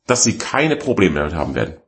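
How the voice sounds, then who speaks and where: A man's voice: deep voice, sing-song, fast talker, gravelly, voice pushed down, full character voice. A man voicing an eager female hotline agent who promises everything will work. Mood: reassuring.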